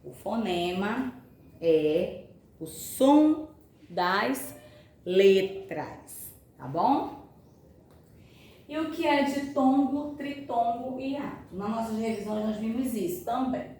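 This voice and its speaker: Fairly high-pitched yet dark in tone, this woman is animated but slow, pausing often as she teaches grammar. She explains with patience and frequently makes sure the students follow; the room echoes, she's far from the mic, and faint noise is present.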